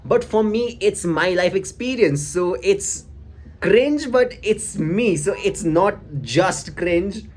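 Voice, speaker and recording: A young man with an Indian accent talks casually and haltingly, reflective and a little self-conscious as he shares his old diary. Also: sits high. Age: young adult. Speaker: vlogger. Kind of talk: casual personal storytelling, reading from an old diary. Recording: clearly audible background noise.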